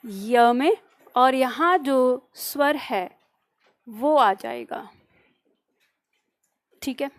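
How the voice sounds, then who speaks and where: A woman teaching an online grammar class, dictating notes slowly and breaking off to scold students for their comments. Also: high voice, no room sound. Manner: slow deliberate dictation, scolding asides.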